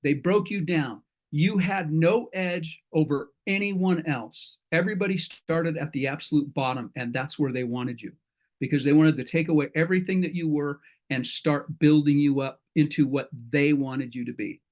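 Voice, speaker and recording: Middle-aged man, folksy host, rambling, self-correcting, video call, fairly high voice. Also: normal speed. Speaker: host of an entrepreneur meetup. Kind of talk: casual talk to an online group.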